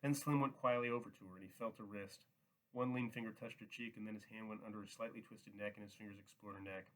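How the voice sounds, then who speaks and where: A man reading a novel aloud as a steady, plain audiobook narrator. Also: fairly low pitch, fast talker, low-quality recording. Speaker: audiobook reader. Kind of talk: scripted narration.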